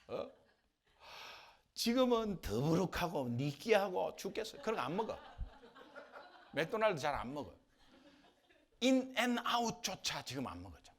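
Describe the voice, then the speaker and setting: A middle-aged man preaching a sermon as pastor, telling stories in an animated way, with dialect impressions and laughter. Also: on the high side. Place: church sanctuary.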